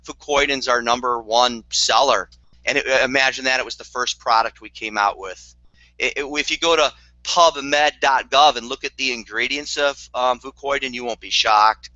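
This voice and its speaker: A man's voice: medium pitch, normal speed, sharp tone, no room sound. A man giving a motivational network marketing talk, earnest and repetitive, with dry sarcastic asides, on a dull lo-fi recording.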